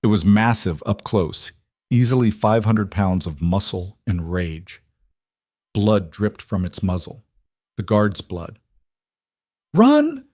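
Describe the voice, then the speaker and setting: A man reading a dramatic fantasy story as scripted narration, in a measured, dramatic way. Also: lowish voice, a little mellow, no echo, studio quality.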